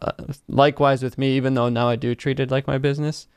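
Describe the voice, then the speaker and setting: Smooth, flat-voiced male interviewer. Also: medium pitch, quick pace, no echo. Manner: relaxed, thoughtful, many fillers. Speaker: interview host. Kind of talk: casual interview chat.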